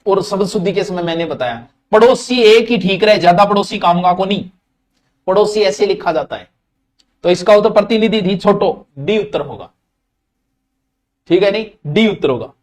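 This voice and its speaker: A high-pitched man with a Rajasthani accent runs a live online class on Hindi grammar for exam aspirants. He talks to his students casually and directly, drops into local dialect, and stretches key words out slowly to stress them. His voice is close to the mic. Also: animated. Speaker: Hindi grammar teacher for exams.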